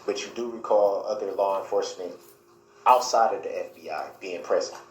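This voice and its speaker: A man questioning a witness in a courtroom cross examination, speaking formally and haltingly. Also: low voice. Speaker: defendant questioning a witness as his own lawyer. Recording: echoey courtroom with faint noise.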